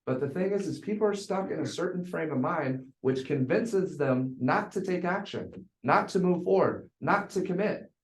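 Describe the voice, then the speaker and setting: Speaking with hardly any pauses, a man coaching a group on real estate sales delivers his talk bluntly and emphatically, repeating phrases for emphasis. His voice is a little high and expressive, at a moderate pace, captured in an echoey room.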